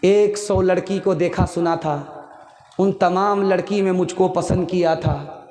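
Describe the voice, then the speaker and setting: A man preaching who speaks as a young newlywed daughter, in a lower, softer voice. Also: fairly even intonation, unhurried, reverberant. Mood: earnest.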